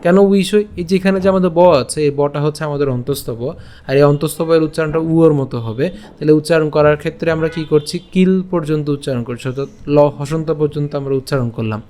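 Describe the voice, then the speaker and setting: A man's voice: fairly high pitch, steady tone, brisk, dark tone. A young man teaching Sanskrit pronunciation in an online lesson, breaking each word into syllables and asking the class rhetorical questions. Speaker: Gita recitation teacher.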